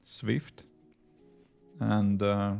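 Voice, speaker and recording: A Latvian man, a native speaker of Latvian, livestreams app development and chats casually, answering viewer questions between tasks. His lowish, creaky, slightly mellow voice barely moves in pitch and comes out extremely slowly, full of fillers as he rambles on. Soft music plays in the background.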